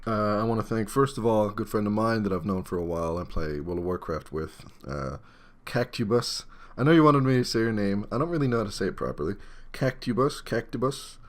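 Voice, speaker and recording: A young man co-hosting a casual podcast, talking in a rambling, hesitant way full of fillers. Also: on the low side. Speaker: podcast co-host.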